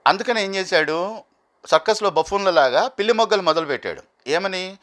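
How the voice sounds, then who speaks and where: A man's voice: sits high, brisk. A man giving argumentative commentary as a reality show reviewer. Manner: animated, argumentative, quotes contestants in acted bursts.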